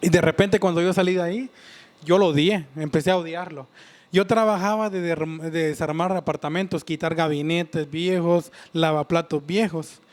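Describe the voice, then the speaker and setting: A man tells his personal faith testimony. He speaks earnestly and haltingly, often restarting and repeating his words. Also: on the high side, fairly even intonation. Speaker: church member giving testimony.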